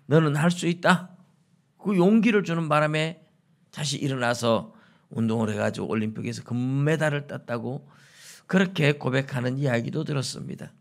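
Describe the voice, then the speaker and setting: A middle-aged male pastor delivers a sermon in a gravelly voice at a mid-range pitch. He moves through stories at a storyteller's pace. He voices quoted speech with sudden rises. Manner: storytelling, acts out quoted lines with rising pitch.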